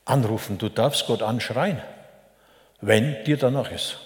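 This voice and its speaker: An older man preaches in a relaxed, folksy manner, keeping his listeners close with little asides and tag questions. His voice sits at a medium pitch. It carries through a roomy hall with a long, lingering reverb. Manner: chatty, folksy, frequent "ne?" asides. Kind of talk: sermon.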